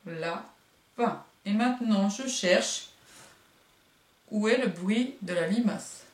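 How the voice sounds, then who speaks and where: Kindergarten teacher, woman, slow deliberate syllables, distant mic in a roomy space. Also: medium pitch. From France. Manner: slow, drawn-out syllables, sings sounds. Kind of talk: phonics lesson for young children. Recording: echoey room, voice from a distance.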